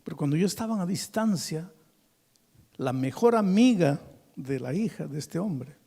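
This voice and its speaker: A pastor telling a story in a sermon, swinging dramatically between hushed and forceful delivery in church. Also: male voice, on the high side, animated, normal speed, gravelly.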